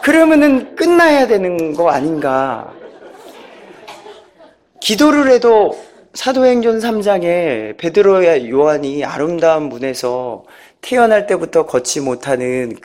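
Animated high-voiced man telling testimony. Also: a little slow, a faint crowd. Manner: animated storytelling, acts out quotes, chuckles often. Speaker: speaker giving a church testimony. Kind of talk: personal testimony talk.

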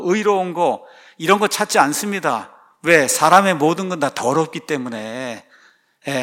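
A man's voice: medium pitch, bright, forceful tone. A man preaching a sermon as pastor, emphatic, posing rhetorical questions to his congregation.

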